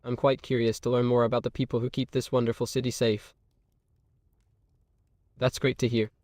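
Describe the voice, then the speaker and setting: A man's voice: mid-range voice, flat delivery, normal speed, darkish tone, dry recording, clean studio sound, lightly acted. A man voicing a polite, nosy collector of oddities as a game character, speaking formally and asking many questions. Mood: courteous.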